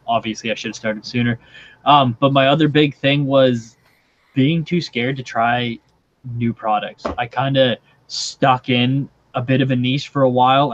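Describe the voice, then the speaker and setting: A man of thirty on an earbud video call, telling stories in a candid, joking way and swearing casually. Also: mid-range voice. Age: 30s. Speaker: panelist, reseller. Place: home room with shelves of games. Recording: dull lo-fi sound with faint noise.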